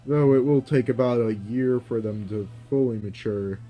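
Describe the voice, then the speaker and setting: A man voicing a calm, cold male scientist in charge, speaking low, quiet and measured. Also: highs cut off, faint music behind, lightly acted.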